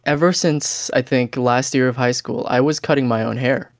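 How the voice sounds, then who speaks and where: A man's voice: medium pitch, steady tone, moderate pace, no room sound, studio quality. Laid-back young man telling a story. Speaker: podcast co-host. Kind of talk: casual chat.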